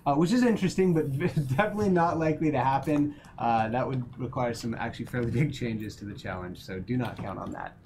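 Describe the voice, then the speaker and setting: A woman's voice: rumbling low, brisk, few pauses. A woman developer on a casual game livestream, answering community questions in a chatty way with frequent fillers and laughs. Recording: noisy stream audio.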